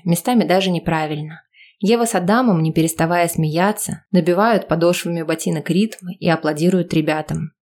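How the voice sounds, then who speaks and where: A woman reading an audiobook with lively, expressive narration. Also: lowish voice.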